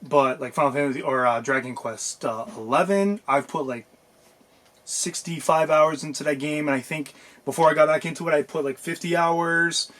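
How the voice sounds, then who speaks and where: Animated rambling man chatting about games. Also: a little high, moderate pace. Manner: rambling, animated, many fillers and restarts. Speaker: podcast co-host. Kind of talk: casual chat.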